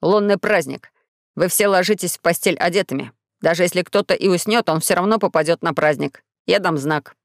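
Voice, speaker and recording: A mysterious young alien boy speaks in a low, eager hush, as a woman puts him on. The sound is dry and close. He comes from a children's storybook reading. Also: a little fast, dry recording, close to an everyday voice. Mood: conspiratorial. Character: young male alien visitor, playful and mysterious.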